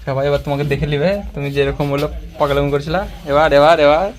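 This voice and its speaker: A man's voice: fairly high pitch, level tone, fast, slight background noise. A man filming a casual home vlog, teasing and coaxing a child in a playful way, often repeating his words. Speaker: vlogger.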